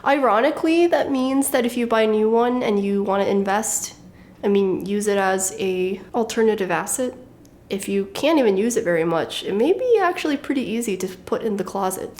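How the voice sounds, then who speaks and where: A woman in her thirties talks through a casual show-and-tell vlog in a wry, matter-of-fact way. Her voice sits at an ordinary middle pitch for a woman. She explains each point plainly and lightly. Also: animated, normal speed, a little mellow. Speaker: fashion vlogger.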